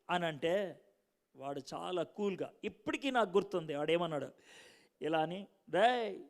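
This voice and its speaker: A man preaching a sermon, telling his own story and acting out the dialogue, moving from shouts to hushed lines. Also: fairly high pitch. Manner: dramatic, acts out dialogue, swings from shouting to hushed. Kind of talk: sermon with personal testimony.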